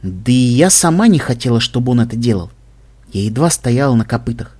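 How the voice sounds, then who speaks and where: A man narrating an audiobook in an even, measured reading voice. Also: medium pitch, breathy edge. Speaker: audiobook reader. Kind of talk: scripted narration.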